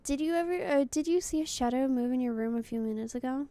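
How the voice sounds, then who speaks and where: A young woman with a high, mellow voice chats casually through a game as a streamer. She talks bluntly and swears freely, moving from one answer to the next. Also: fast. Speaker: VTuber streamer. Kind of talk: casual gameplay commentary.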